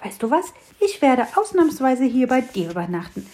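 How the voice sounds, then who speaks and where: Fussy little storybook sparrow, scolding, high; woman reads it. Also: big pitch swings, normal speed, darkish tone. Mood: chatty. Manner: scolding, fretful. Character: small grumpy excitable sparrow.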